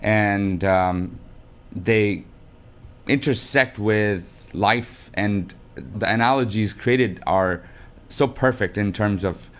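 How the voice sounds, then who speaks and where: A man hosting an interview, asking long, rambling questions full of halting fillers. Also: lowish voice, a bit bright. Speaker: host.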